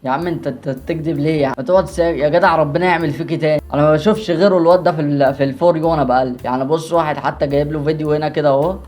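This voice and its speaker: A man's voice: fairly high pitch, steady tone, rapid-fire, few pauses, darkish tone, a little hiss or hum. A man with an Egyptian accent hosting a reaction video, teasing and joking in casual commentary. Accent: Egyptian Arabic.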